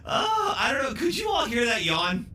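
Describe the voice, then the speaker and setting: A woman's voice: sits high, big pitch swings, slow, sharp tone, reverberant, far from the mic, slight background noise. A woman on a gaming podcast, teasing her co-host and giggling. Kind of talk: casual gaming podcast chat.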